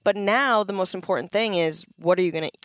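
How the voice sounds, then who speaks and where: A woman's voice: medium pitch, fast talker, a bit bright, no echo. A woman co-hosting a sports podcast, joking playfully and laughing with her partner. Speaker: podcast co-host. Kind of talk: casual sports chat.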